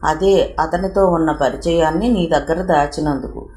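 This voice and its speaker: A woman voicing a shy, sad young mother who speaks softly with a trembling voice. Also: low voice, normal speed, close to an everyday voice. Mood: flustered. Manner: soft, trembling, plaintive. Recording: roomy echo.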